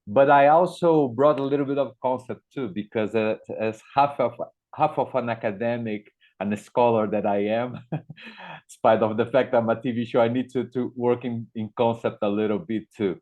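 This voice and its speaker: Over thin online call audio that sounds like a phone line, a Brazilian guest speaker in middle age, a media educator, delivers an informal conference talk in a Portuguese-accented voice. He speaks at a normal speed in a steady mid-range tone, pausing to repeat words hesitantly as he works things out.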